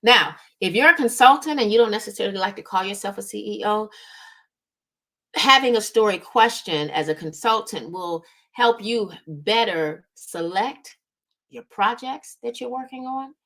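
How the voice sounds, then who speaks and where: A woman's voice: medium pitch, expressive, moderate pace, a bit bright. A woman hosting a motivational business talk as a strategist, conversational and emphatic, often checking in with short tag questions. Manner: conversational, emphatic repetition, frequent check-in tags like right and okay. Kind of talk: motivational business coaching talk to online audience.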